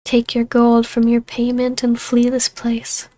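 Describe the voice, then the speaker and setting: For a scripted ASMR audio roleplay, a woman lightly acts an imperious, regal vampire baroness, an ancient huntress turned ruler, sounding stern yet merciful. Her fairly high voice holds an even, controlled line, taunting in a slow, breathy hush that slips into whispers, recorded completely dry.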